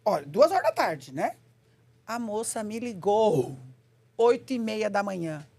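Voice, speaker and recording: A woman's voice: mid-range voice, measured pace. A woman chatting casually on a podcast, telling stories and acting out the dialogue she quotes. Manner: animated storyteller, acts out quoted dialogue.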